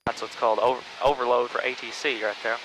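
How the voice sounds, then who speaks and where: A man's voice: mid-range voice, flat delivery, fast. A man coaching a pilot casually in flight, talking over a pilot headset. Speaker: cockpit instructor. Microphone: aviation headset. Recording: pilot headset intercom, faint engine noise.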